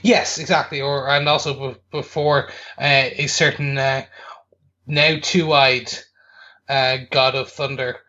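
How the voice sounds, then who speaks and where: A man's voice: mid-range voice, little pitch movement, slow, bright, forceful tone, lo-fi sound. A man co-hosting a podcast, reviewing a film in casual chat with frequent hesitations and restarts. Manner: hesitant, lots of ums and restarts. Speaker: podcast co-host.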